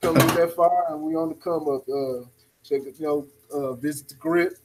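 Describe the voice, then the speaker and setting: A man with a gravelly, smoker's voice co-hosting a podcast, signing off in laid-back, slangy casual chat. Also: fairly high pitch, steady tone, brisk, crowd noise, poor audio. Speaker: podcast co-host.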